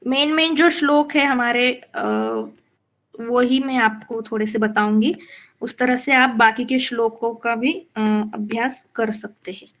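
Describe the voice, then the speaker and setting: A woman teaching Sanskrit verse recitation in a live class, explaining patiently, checking that students follow, and chanting lines slowly as examples. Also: fairly high pitch, fairly even intonation, fairly bright tone.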